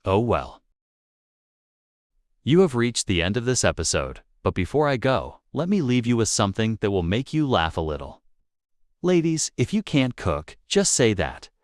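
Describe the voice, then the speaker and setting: Guy hosting a gossip show, low voice, swings up and down a lot, dry sound. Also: sing-song, normal speed, dry recording. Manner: wry, teasing narration. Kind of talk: scripted gossip narration.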